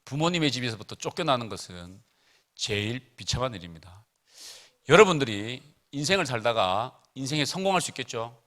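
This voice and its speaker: A man's voice: mid-range voice, very animated, fairly quick, fairly bright tone. A middle-aged man preaching casually to teenagers at a retreat, chatty and joking as he tells family stories.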